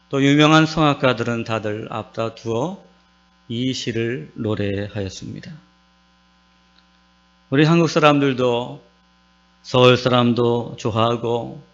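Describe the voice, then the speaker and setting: Gyeongsang pastor preaching in church, mid-pitched, dull recording with some hum. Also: male voice. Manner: lively preaching with calls to the congregation. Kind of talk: sermon. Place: church sanctuary.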